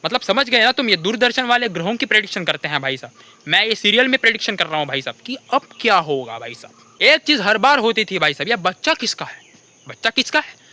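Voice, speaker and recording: A young man with an Indian accent doing an animated comic rant, constantly repeating the same address to the listener. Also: high voice, fast talker. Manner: animated, keeps repeating "bhai sahab". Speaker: comedy creator.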